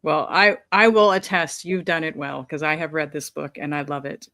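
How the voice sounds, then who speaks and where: A woman's voice: low voice, steady tone, normal speed, pushed and bright, dry recording, clean studio sound. A woman co-host giving enthusiastic, affirming comments about the book. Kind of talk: casual chat.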